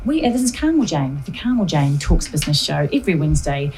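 A woman's voice: deep voice, sing-song, fast, a little mellow, faint music behind, low-quality recording. A woman with a broad New Zealand accent hosting a radio talk show in a chatty, informal way. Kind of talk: casual interview chat.

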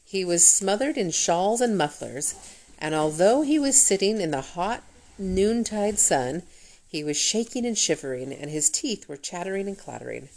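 Expressive woman reading a fairy tale. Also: on the low side, moderate pace, low-quality recording. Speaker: storyteller.

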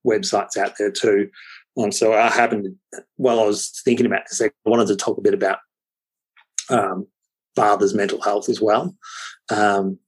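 Husky man telling stories. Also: on the low side, rough recording. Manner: lively anecdotes with frequent fillers. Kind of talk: casual storytelling chat.

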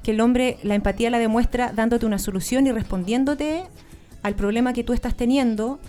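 A Chilean woman with a somewhat high, mellow voice talks through her ideas in a lively, explanatory way. She is a guest speaker in a relaxed interview. Soft music plays faintly behind her. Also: brisk. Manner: animated, explanatory. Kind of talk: casual interview chat.

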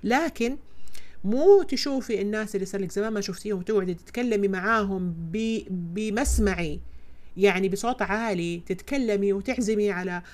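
A woman speaks on her podcast in a personal, reflective way. She talks quickly and emphatically, pressing her points with repeated words. Her voice sits at an ordinary middle pitch. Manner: fast, expressive, emphatic storytelling. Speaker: podcast host.

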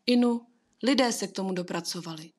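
A woman reading as a gentle bearded man in a storybook, kindly but sad and a little reproachful, his breathy voice a touch raised. The tone stays soft and slightly accusing. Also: sits high.

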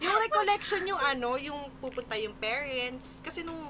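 A high-pitched woman hosts a relaxed podcast conversation, rambling cheerfully and dropping English words into her talk. Loud crowd chatter fills the background of the recording. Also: moderate pace. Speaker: podcast host. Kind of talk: casual podcast chat.

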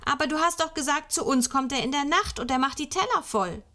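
A woman's voice: high-pitched, expressive, fairly quick, sharp tone, pitched above the performer's own voice. A woman reading a storybook aloud, voicing a cheeky, eager little boy with earnest, childlike questions.

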